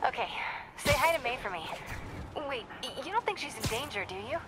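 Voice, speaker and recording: An actress voicing a practical young female reporter in a video game, brisk and businesslike. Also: sits high, lively intonation, heavy background noise.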